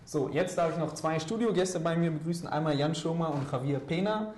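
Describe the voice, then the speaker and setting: A man's voice: fairly high pitch, a little fast, a little mellow, roomy sound. A young man hosting a student TV studio interview, asking questions with many fillers and hesitations. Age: young adult. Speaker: host. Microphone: lapel mic.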